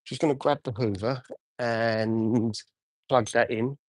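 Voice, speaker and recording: A man talks casually through a live car-detailing stream, reading out and answering viewers as he goes. His voice sits in a plain middle pitch and sounds dry, with no room around it, though he drifts off the mic now and then as he moves around the car. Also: steady tone, slow, a little mellow, no room sound. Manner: chatty, answers viewer comments while washing a car. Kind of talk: casual live-stream chat while working.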